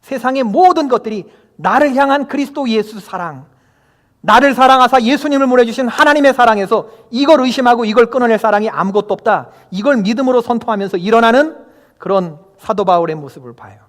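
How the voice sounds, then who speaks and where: Guy pastor preaching, pretty high voice, keeps asking the congregation stuff, church echo rings long. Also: fairly quick. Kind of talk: sermon. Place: church sanctuary. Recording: long hall reverb.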